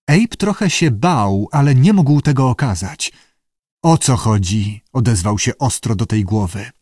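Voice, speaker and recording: A man reading a novel aloud as narrator, with steady, measured delivery. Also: mid-range voice, breathy edge, dry recording, studio quality. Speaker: audiobook narrator. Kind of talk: scripted narration.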